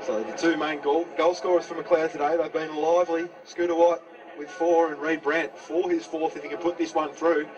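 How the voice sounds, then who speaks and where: An Australian man gives live play-by-play of a football match. His voice sits a bit high and climbs when play gets exciting. He is picked up slightly away from the microphone. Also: normal speed, highs cut off. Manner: builds to excited raised-voice calls. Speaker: local radio football commentator. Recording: slightly distant mic.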